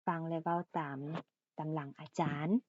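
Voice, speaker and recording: A woman's voice: low voice, steady tone, moderate pace, slight background noise. A woman from Laos, an English teacher, patiently explaining English pronunciation and vocabulary and repeating each word carefully. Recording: dull lo-fi recording.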